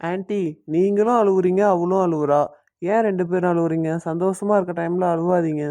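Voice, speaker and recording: An easygoing young husband in an amateur family drama, played by a man, with a fairly high voice. He talks on in a relaxed, friendly way. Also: normal speed, lightly acted. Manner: easygoing, talkative.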